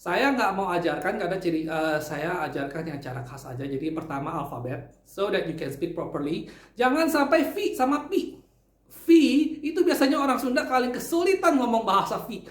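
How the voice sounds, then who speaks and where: A man's voice: sits high, animated, a little fast. A man hosting his own channel, giving casual speaking tips and telling chatty, exasperated anecdotes. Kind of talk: casual talk to camera. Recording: roomy echo.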